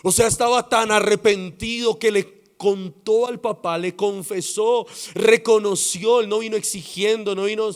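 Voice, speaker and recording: A man with a Colombian accent preaching a sermon as pastor, dramatic and swinging between loud passages and hushed ones. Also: high voice, fairly even intonation, moderate pace, few pauses, clean tone.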